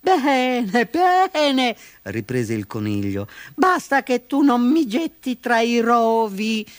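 Woman acting small crafty male rabbit, high squeal, storybook, dry close sound. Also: very animated, a little slow, dry recording. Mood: pleading. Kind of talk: storybook reading.

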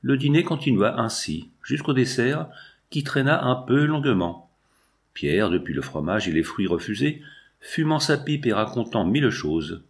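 Male narrator for literary audiobook, measured yet lively in pitch. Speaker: audiobook reader.

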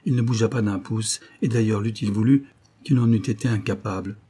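Deep dark-voiced male audiobook narrator. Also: a little fast, husky.

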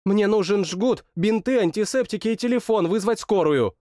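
Indignant young woman from another world, put on by a male narrator; sharp, high, rapid-fire. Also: no room sound, clean studio sound, lightly acted.

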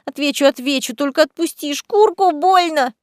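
A sly, greedy young cat familiar in female form, voiced by a woman reading a storybook. She speaks in a lazy, mocking, teasing tone, slightly high for a woman. The audio is dry and close, with no room sound. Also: moderate pace, no echo, lightly acted. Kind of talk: audiobook character voice.

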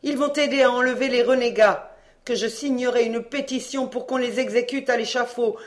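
An audiobook reader voicing a bossy, loud-mouthed mother of a poor family who scolds and gives orders. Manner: scolding, commanding, shrill. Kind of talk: audiobook reading, acted dialogue.

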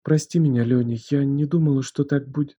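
A man voicing a young female student with a soft, trembling voice pitched well above his own. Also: fairly even intonation, fairly quick, slightly rough, highs cut off, close to an everyday voice. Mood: frightened pleading. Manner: soft, trembling, near whisper.

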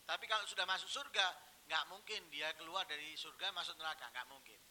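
A man preaching a sermon, telling stories and swinging from hushed, quiet phrases to loud, emphatic ones. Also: on the high side, a little fast, slight background noise, low-quality recording.

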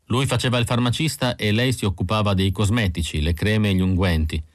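A man's voice: on the low side, a little fast, no echo, studio quality, close to an everyday voice. A man reading an audiobook, voicing a weary, bitter young woman android who speaks tensely and guardedly.

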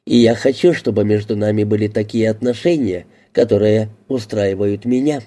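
A man reading an audiobook, voicing a blunt, quick-tempered woman who swears and used to be a call girl. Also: on the low side, dark tone, lightly acted. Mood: angry.

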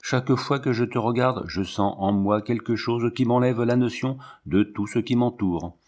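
A man's voice: mid-range voice, normal speed, darkish tone, natural voice. A man reading as a jealous young villain. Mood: obsessive.

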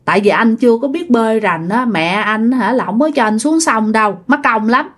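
A nervous young child, voiced by a woman storyteller, stammering and hesitating before refusing. The voice is fairly high and quick. Its tone rises and falls freely. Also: expressive, a bit bright. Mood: hesitant.

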